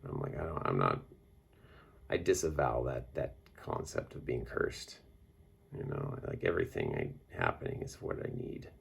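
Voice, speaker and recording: A man's voice: rumbling low, big pitch swings, normal speed, vocal fry, slightly rough. A man talking casually in a personal vlog, rambling and reflective with lots of fillers. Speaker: vlogger on a water fast.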